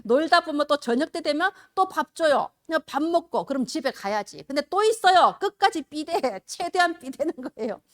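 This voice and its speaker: A woman's voice: high voice, animated, normal speed, hardly any pauses, dry recording, clean studio sound. A woman preacher giving a Sunday sermon in a conversational, storytelling manner. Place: church service. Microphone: filmed on camera.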